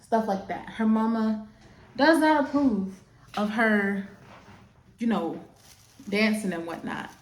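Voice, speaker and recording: Sassy woman, casual storyteller, mid-pitched, roomy echo. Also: slow pace, long pauses. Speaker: makeup artist. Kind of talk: casual chat while doing makeup.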